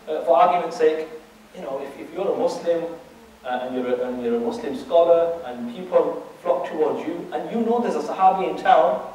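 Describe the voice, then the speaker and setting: An Islamic teacher with a somewhat high, darkish voice delivers a religious lecture, posing rhetorical questions to his audience and frequently restarting and repeating himself. The mic is distant in a very echoey room, with a little hiss or hum.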